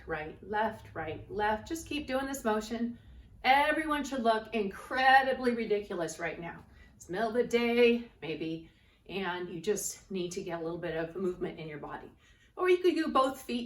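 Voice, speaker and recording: A woman yoga instructor leading an exercise lesson, energetic and coaxing, out of breath as she bounces on a trampoline while she talks. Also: on the high side, slight background noise. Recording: roomy, distant camera mic, faint ambience.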